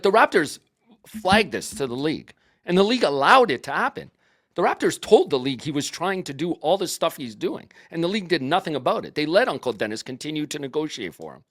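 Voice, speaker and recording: Fast-talking, animated man arguing sports. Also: on the high side, no room sound, studio quality. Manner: incredulous, argumentative. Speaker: sports talk co-host. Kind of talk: sports debate.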